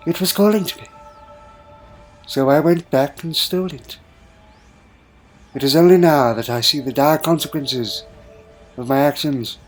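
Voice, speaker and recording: A man's voice: fairly high pitch, unhurried, pauses often, natural voice, poor audio. A man playing a crotchety, secretive old alien grandfather in a fan audio drama, with hesitant muttering, hums and pompous phrasing. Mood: grave, regretful. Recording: music laid under the voice.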